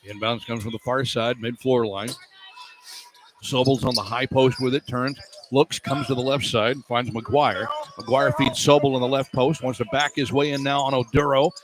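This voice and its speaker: Calling basketball live on the radio from courtside in an indoor arena, a man gives clipped running descriptions that turn excited on key plays. His voice is medium-pitched at a moderate pace, with arena ambience clearly audible behind him.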